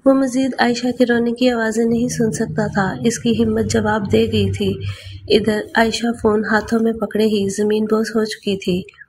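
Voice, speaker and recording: A woman reading a romance novel aloud in an even, measured storytelling voice. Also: a little high, background noise. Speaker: novel narrator. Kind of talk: scripted narration of a romance novel.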